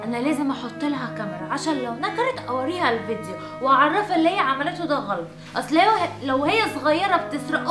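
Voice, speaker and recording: A woman playing an emphatic young Egyptian employer in a skit, with an Egyptian accent. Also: very high-pitched. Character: stern but soft-hearted female employer, young adult. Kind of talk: amateur skit acting. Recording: roomy echo with music underneath.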